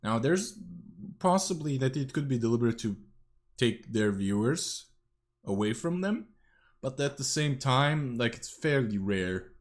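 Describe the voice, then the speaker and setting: Male host, casual reaction chat, eats and coughs between lines, middling pitch. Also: animated, unhurried. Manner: talks while chewing, coughs and clears throat. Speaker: commentary host.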